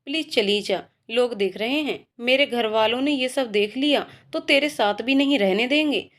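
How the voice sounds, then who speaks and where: A woman's voice: fairly high pitch, normal speed, close to an everyday voice. A woman voicing an anxious young female friend, urging in a worried rush.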